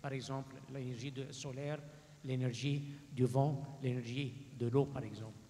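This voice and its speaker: A man's voice: mid-range voice, steady tone, moderate pace, mellow. A man moderating a panel and explaining informally to an audience, repeating words as he goes. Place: large conference hall. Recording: reverberant hall with faint background noise.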